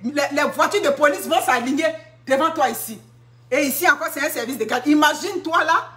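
A woman's voice: sits high, fairly bright tone. A woman, talking casually to her viewers in a live stream, stressing and repeating her words. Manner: emphatic, repeats words and phrases, drawn-out fillers.

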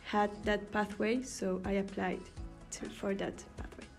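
A woman's voice: mid-range voice, level tone, a little slow, gravelly, faint music behind. A woman from Chile who is a primary school teacher, answering interview questions earnestly.

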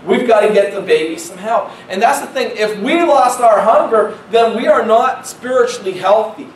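A male pastor with a high voice preaches in a casual, conversational way, repeating himself and putting questions to the congregation. He sounds like he is picked up from some distance, with the echo of a church room and a faint hiss behind him. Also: moderate pace. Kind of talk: sermon. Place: church sanctuary.

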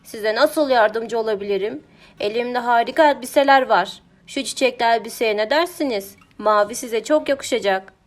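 A woman's voice: on the high side, normal speed, soft background music, lightly acted. A woman voicing a polite, eager shop assistant offering dresses in a children's audiobook. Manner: courteous sales talk.

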